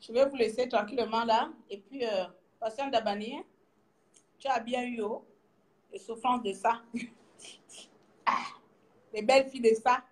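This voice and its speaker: A middle-aged woman from Gabon with a Gabonese French accent, teasing her viewers in a lively casual vlog, laughing often and trailing off as she searches for words. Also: on the high side, a little slow, pauses often. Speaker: vlogger. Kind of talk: casual mocking commentary to viewers.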